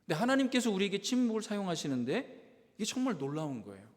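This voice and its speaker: Impassioned male pastor with lively pitch. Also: fast talker. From South Korea. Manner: swings from soft asides to loud impassioned cries. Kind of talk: sermon. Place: church sanctuary. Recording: long hall reverb in a church.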